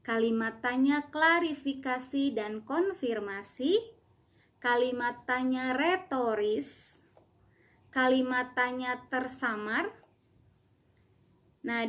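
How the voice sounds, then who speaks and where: A woman's voice: high voice, slow, pauses often. A woman teacher giving a remote lesson, patiently explaining and reading example questions aloud.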